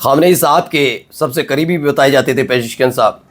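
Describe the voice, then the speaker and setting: A man hosting a news commentary show, emphatic and full of rhetorical questions and drawn-out pauses. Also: medium pitch. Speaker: news anchor.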